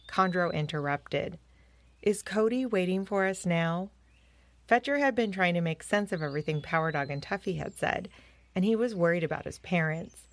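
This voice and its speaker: Gentle woman reading a children's story. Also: on the low side, no room sound. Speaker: narrator.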